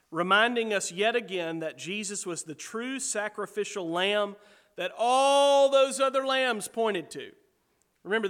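A man's voice: high-pitched, a bit bright, in a large hall. A man preaching a sermon as pastor, emphatic and full of rhetorical questions to the congregation.

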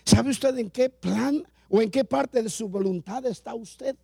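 Gravelly high-voiced preaching man. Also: measured pace, darkish tone, no room sound. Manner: preaching with repetition and rising emphasis. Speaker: pastor. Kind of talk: sermon.

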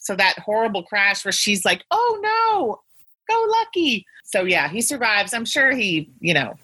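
A woman's voice: medium pitch, lively intonation, normal speed, bright, forceful tone, slightly rough, dry recording. A woman co-hosting a casual film discussion podcast, talking expressively and laughing easily.

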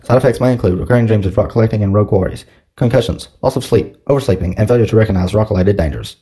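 A man's voice: fairly low pitch, rapid-fire, dark tone, breathy edge. A man playing a legal disclaimer announcer in a spoof advert, rattling off the fine print by rote. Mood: brisk, official. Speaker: disclaimer reader. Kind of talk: parody ad fine print read at speed.

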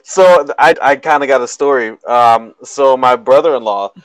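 A man's voice: medium pitch, normal speed, clear, resonant tone, dry recording, poor audio. Guy cohosting a chat, mid voice, rambly, lots of ums and laughs, dry sound. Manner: rambling storyteller, many ums and restarts; laughs often. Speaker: podcast co-host. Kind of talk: casual chat.

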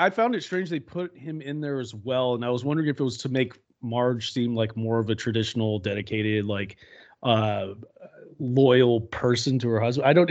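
A man's voice: medium pitch, dull audio. A man talking loosely on a movie podcast, rambling and swearing as he recalls scenes. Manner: rambling, profane, laughing. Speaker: podcast co-host. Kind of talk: casual movie discussion podcast.

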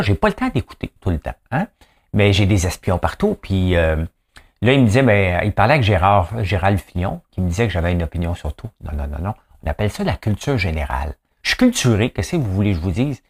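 A man's voice: deep voice, very animated, fast talker, breathy edge. A man with a Quebec French accent talking to the camera in a rambling, joking, self-mocking way. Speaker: vlogger. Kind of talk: casual solo commentary to camera. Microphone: camera mic.

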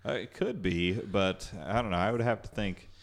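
A man's voice: on the low side, normal speed, vocal fry. A man co-hosting a podcast in casual chat, laughing often and hedging with "you know" and "I guess". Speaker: podcast co-host.

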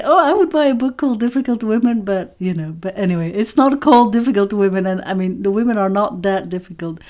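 A woman's voice: medium pitch, darkish tone. A woman co-hosting a podcast, a writer chatting casually, rambling and restarting her sentences and laughing often. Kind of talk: casual chat.

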